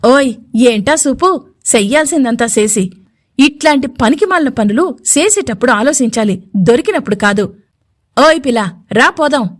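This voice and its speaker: A woman voicing a loud, bossy woman who scolds a girl in an audio story. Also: a little high, lively intonation, normal speed, close to an everyday voice. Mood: scolding. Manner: shouting, scolding.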